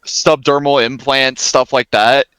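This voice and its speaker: Bright, smooth-voiced man in podcast chat. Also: mid-range voice, unhurried. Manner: relaxed, explains with many "like" fillers. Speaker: podcast co-host. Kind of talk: casual chat.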